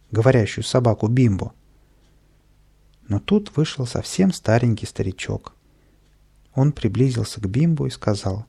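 Storybook narrator, man, gravelly and husky, dark tone. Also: lowish voice. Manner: steady and even-paced, with lively voiced dialogue. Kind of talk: storybook reading.

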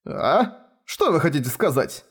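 A man's voice: fairly high pitch, sing-song, brisk, husky, voice pushed up. A man voicing an overwrought young male detective who whines and pleads dramatically. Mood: excited. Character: melodramatic young male detective, wounded, whining.

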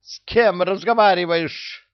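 A man's voice: sits high, slow pace, dull audio, pitched above the performer's own voice. Man playing a spluttering, haughty court official. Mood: outraged. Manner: spluttering, stammering. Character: lanky haughty court official, easily outraged and cowed.

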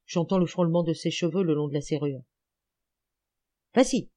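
A woman reading an audiobook, voicing an elderly, gouty male amateur detective who is excited, teasing and lecturing. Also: deep voice, normal speed. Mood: eager.

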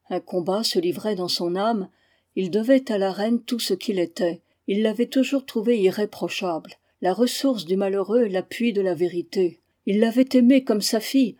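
A woman narrating a history book aloud in a measured, expressive reading voice. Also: mid-range voice. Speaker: audiobook reader.

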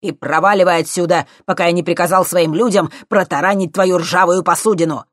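A man voicing a haughty, irritable male professor in an audiobook, gruff and scornful. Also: mid-range voice, measured pace, no room sound, studio quality. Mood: angry.

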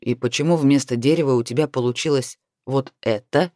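A man's voice: mid-range voice, brisk, warm tone, dry recording, studio quality, natural voice. A man voicing a wry necromancer mentor. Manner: teasing, weary.

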